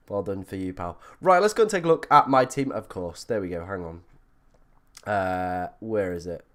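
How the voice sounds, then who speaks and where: A man hosting a casual livestream with a croaky, froggy voice from being ill, chatting informally and a little self-deprecatingly. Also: lowish voice. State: ill, under the weather. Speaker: livestream host.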